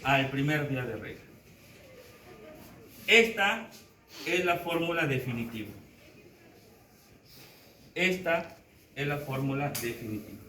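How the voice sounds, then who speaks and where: Male teacher, animated classroom lecturer, bright voice, heard from a distance in a roomy hall. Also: mid-range voice, slow pace, pauses often, a little hiss or hum. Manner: animated, counting aloud while writing on a board.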